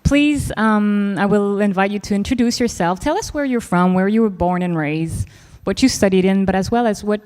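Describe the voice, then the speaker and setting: A woman's voice: mid-range voice, normal speed, darkish tone, smooth. Woman moderating a panel in a hall. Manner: chatty, many fillers, laughs easily. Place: event hall. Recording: long reverb of an event hall.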